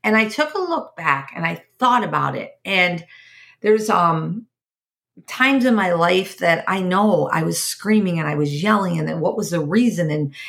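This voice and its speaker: A woman's voice: lowish voice, lively intonation, measured pace, creaky, a bit bright. Earnest middle-aged woman giving life advice. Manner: earnest, repetitive, restarts mid-sentence. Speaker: podcast host. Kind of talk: personal advice monologue.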